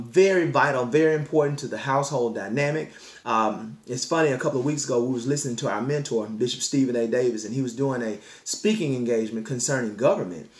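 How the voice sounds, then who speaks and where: A man hosting a dog-training podcast, speaking earnestly like a preacher and repeating key phrases for emphasis. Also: medium pitch. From Alabama. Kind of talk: podcast monologue, partly read from notes. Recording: echoey room.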